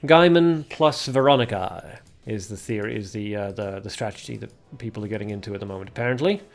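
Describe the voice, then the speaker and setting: A man's voice: lowish voice, a little fast, creaky. A young man hosting a casual card-game livestream, chatting with viewers and reading card names aloud as he opens packs. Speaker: livestream host.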